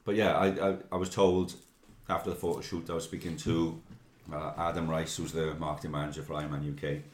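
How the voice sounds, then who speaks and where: Guy, very low voice, rambly casual chat, echoey room, faint noise. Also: a little fast. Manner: relaxed, rambling with fillers. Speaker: podcast co-host.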